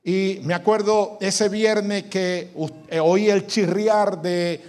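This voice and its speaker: A man preaching a sermon as pastor, leading shouted call-and-response lines and then telling a story. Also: high-pitched, fairly even intonation, takes it slowly.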